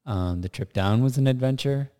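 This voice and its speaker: A man's voice: medium pitch, normal speed, mellow, clear, resonant tone. An American man co-hosting a casual, off-the-cuff podcast. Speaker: podcast co-host. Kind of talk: casual, unscripted podcast chat. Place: indoors in an unfurnished house.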